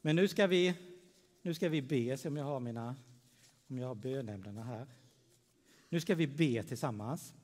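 A man preaching a gentle children's sermon in church, telling a story and speaking warmly to the children. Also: medium pitch, long pauses. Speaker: pastor. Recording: long church reverb.

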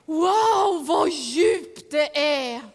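A woman's voice: high-pitched, expressive. A woman voicing the disciple Peter, an impulsive adult fisherman who talks in eager exclamations, in an echoey hall. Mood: amazed.

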